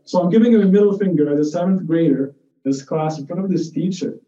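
Here the Jordanian psychiatry lecturer sounds high-pitched and mellow while talking fast. His informal lecture is full of personal anecdotes and restarted phrases. It was captured by a distant microphone in an echoey room, so it comes across muffled.

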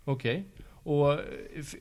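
A man working at a school, interviewing children in a casual, patient and encouraging way, asking gentle follow-up questions. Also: on the high side. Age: adult. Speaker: school after-school staff interviewer. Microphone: handheld mic passed to pupils.

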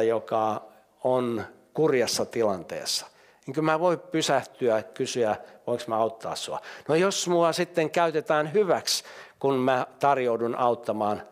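An older man preaching a sermon, asking emphatic rhetorical questions and reading scripture aloud. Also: mid-range voice.

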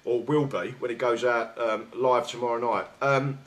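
In a radio studio, an English radio host with a South London accent speaks at a moderate pace in a mid-range voice with fairly even intonation. His casual interview chat is hesitant and full of restarts. He talks into a studio mic with big headphones on.

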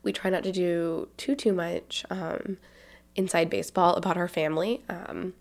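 A woman's voice: on the low side, fairly even intonation, moderate pace, gravelly, a little mellow. A woman in her twenties with a Southern accent, hosting a casual podcast, chatty and full of ums and likes. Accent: Southern American. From Tennessee. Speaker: podcast host.

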